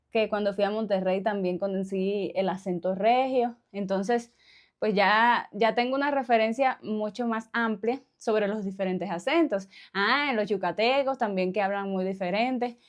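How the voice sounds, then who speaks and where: A woman from Cuba with a Cuban accent, chatting casually to her viewers, laughing often and tossing in little questions. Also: mid-range voice. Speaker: vlogger. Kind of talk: casual chat to camera.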